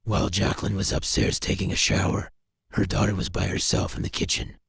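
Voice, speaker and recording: A man's voice: sits low, flat delivery, a little fast, vocal fry, slightly rough, no room sound. A man giving scripted, suspenseful narration over paranormal video clips. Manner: dramatic, suspenseful storytelling.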